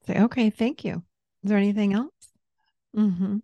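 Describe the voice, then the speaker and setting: A woman therapist gently guiding someone through a parts-work session with patient, step-by-step prompts. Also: medium pitch, normal speed, no echo, highs cut off.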